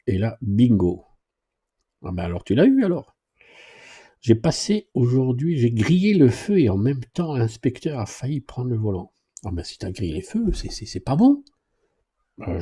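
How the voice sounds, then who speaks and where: A driving instructor and YouTuber answers viewer questions live, reading comments aloud in a chatty, joking way. His mid-range voice is warm and husky.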